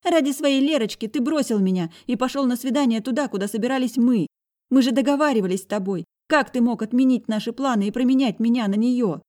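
A woman voicing a defiant eighteen-year-old girl, shrill and indignant in an audiobook. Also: quick pace, darkish tone, lightly acted. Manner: shrill, indignant, pushing back. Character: bratty defiant young woman, hot-tempered.

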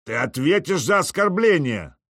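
A man voicing a hot-tempered balding Viking jarl in an audiobook, bellowing his indignant shouts. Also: fairly high pitch, sing-song, moderate pace, dry recording, studio quality, voice pushed up, full character voice. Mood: roaring.

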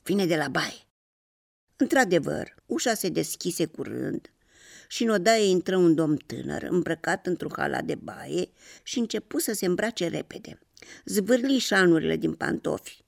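A storyteller reading a children's story aloud in a calm narrating voice. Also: mid-range voice, vocal fry, no echo, studio quality.

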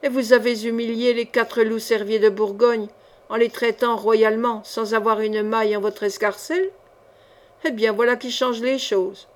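A woman's voice: fairly high pitch, steady tone, moderate pace, lightly acted. A woman reading the part of a lanky, chatty male painter with a nasal voice and flowery, courteous speech. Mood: courtly, effusive.

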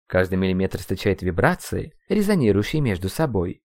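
A man narrating a first-person audiobook, expressive and ironic. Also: low voice, fairly quick, no room sound, clean studio sound.

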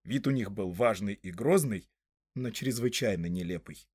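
A man narrating a storybook in a scripted reading, lively and expressive. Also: on the low side, moderate pace, husky, no room sound. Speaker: audiobook narrator.

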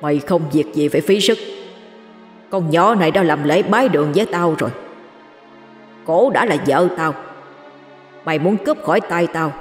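A man voicing a mocking male demon that speaks through a possessed woman, his taunting, half-shouted voice coming as a demonic voice over a phone call. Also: fairly high pitch, normal speed, long pauses, roomy sound, long reverb tail, faint music behind. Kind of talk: audio story acting.

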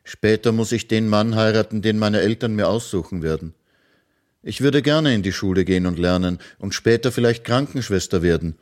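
Storybook girl, gentle and wistful, raised pitch, man reading. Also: normal speed, close to an everyday voice. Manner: gentle, earnest. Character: wistful young girl, longs to learn.

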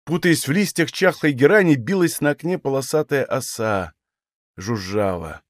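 Measured male audiobook narrator. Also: medium pitch, animated, no echo, studio quality. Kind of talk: scripted literary narration.

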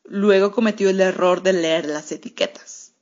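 A woman's voice: fairly low pitch, moderate pace, a little mellow. A woman reading a children's story aloud for radio, narrating in a wry, sardonic first-person cat voice. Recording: muffled lo-fi radio recording.

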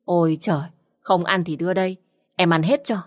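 A woman's voice: lowish voice, fairly quick, lightly acted. A woman voicing a bold, mischievous young woman who teases and talks brashly. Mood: teasing. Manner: teasing, brash.

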